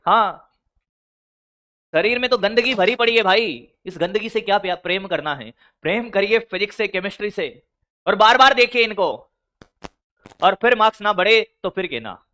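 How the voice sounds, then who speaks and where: Guy teacher lecturing students on revision, high bright voice, kinda scolding, super clear. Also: normal speed. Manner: scolding, blunt, addresses students as brother and son. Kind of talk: motivational study advice lecture.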